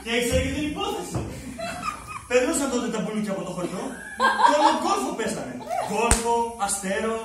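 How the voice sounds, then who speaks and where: A male stage actor performing a bitter, sarcastic monologue in a live theatre, swinging between shouting and muttering. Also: very high voice, big pitch swings. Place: drama school stage. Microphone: far room mic. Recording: very echoey distant stage recording with noise. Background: audience laughter.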